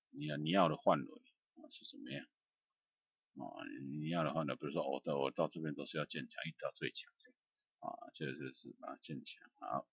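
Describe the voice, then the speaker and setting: A man giving a loose, chatty software tutorial, filled with "ah" and "hao" fillers. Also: very deep voice, creaky, slightly rough, no echo, lo-fi sound. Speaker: music software instructor. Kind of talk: screen-recorded software tutorial.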